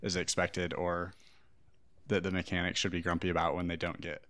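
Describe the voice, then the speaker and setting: A man's voice: low voice, flat delivery, normal speed, sharp tone. A man co-hosting a podcast, chatting casually in loose run-on thoughts about bike repair. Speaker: podcast co-host, bike mechanic.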